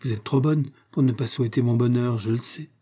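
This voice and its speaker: A man's voice: medium pitch, brisk, dark tone, slightly rough, lightly acted. A man voicing a shy, hopeful young woman confiding her love in a read-aloud novel, speaking eagerly.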